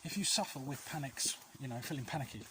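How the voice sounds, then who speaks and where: Strolling through alleys outside, a fast-talking man with a mid-range voice gives his vlog viewers sincere, comforting advice. His chat is loose and meandering, and he frequently loses track of what he was saying. Outdoor ambient noise is clearly audible.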